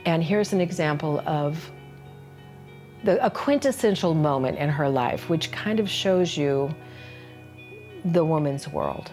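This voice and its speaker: An older woman with a low voice and an unhurried pace, teaching through a personal story. Her telling is earnest and confiding, and faint music plays underneath. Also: lively intonation, darkish tone. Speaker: solo-performance teacher.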